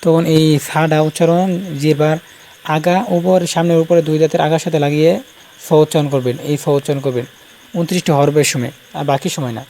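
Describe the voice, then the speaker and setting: A man teaching Arabic letter pronunciation in an informal lesson, speaking slowly and repeating each sound many times. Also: fairly high pitch, fairly even intonation, mellow, a little hiss or hum, low-quality recording. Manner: slow and repetitive, drilling sounds. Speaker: Quran recitation teacher.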